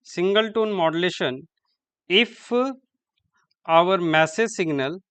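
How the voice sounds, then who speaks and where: A man giving a classroom lecture, halting and repeating terms as he writes on the board. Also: high voice, fairly bright tone, clear, resonant tone.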